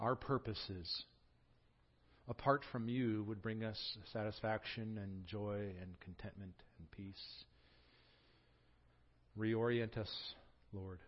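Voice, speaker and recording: A pastor in his forties from Southern California, who prays quietly and then preaches in a lively storytelling way with touches of humor. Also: lowish voice, dull audio. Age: 40s. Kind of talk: sermon.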